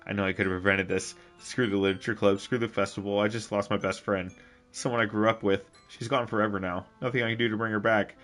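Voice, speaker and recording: A young man playing a game on stream, reading the dialogue aloud and chatting with viewers in a loud, rambling, jokey way. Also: on the low side, fairly even intonation, fast talker. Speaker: let's play streamer. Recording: game music underneath.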